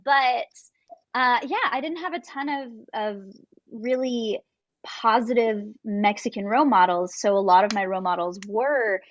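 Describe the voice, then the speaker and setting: A woman's voice: fairly high pitch, a little slow, no echo, highs cut off. A young woman from Los Angeles sharing her background on a discussion panel, chatty and self-deprecating, laughing often. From Los Angeles, California. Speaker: panelist, actor.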